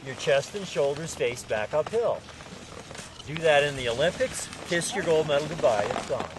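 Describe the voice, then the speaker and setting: A man's voice: on the high side, animated, normal speed. A man teaching a ski lesson to a group, projecting his voice in short, emphatic instructions with a folksy, joking manner. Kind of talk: outdoor group ski lesson with jokey coaching. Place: outdoors on a ski slope. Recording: outdoor ambient noise, shifting distance.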